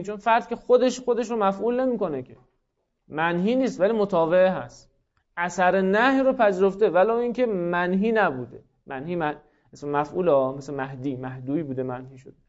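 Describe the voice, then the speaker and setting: A man teaching a class, explaining step by step, often repeating himself and putting questions to his students. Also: sits high. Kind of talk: classroom lecture. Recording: dull lo-fi recording.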